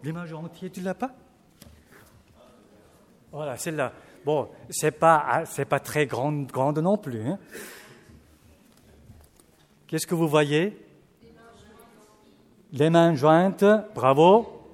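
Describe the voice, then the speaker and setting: A man preaching, reading scripture slowly and then commenting casually to his congregation with fillers and asides. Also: fairly high pitch, big-room sound.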